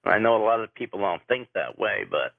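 A man's voice: on the low side, animated, fairly quick, creaky, no echo. A man calling in to a radio show, talking in a casual, easygoing, slightly hesitant way. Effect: phone line into a radio show. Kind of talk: casual call-in chat. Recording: tinny phone line.

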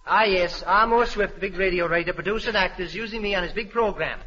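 A man's voice: high-pitched, fast, pushed and bright. An actor playing a naive, eager young man who wants to act, earnest and overdramatic when he recites. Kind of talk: 1940s radio comedy acting. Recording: muffled old radio recording.

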